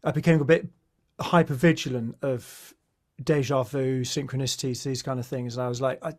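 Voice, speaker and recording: Male podcast host, mid-pitched, halting, casual, lots of fillers. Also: fairly even intonation. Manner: hesitant, many fillers and restarts. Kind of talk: casual interview chat.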